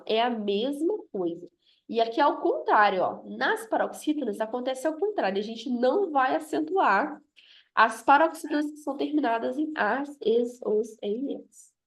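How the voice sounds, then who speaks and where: Woman teacher, fairly high voice, patient step-by-step explaining. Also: sing-song, normal speed. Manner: explanatory, checks in with "ok?" often. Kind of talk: grammar lesson review.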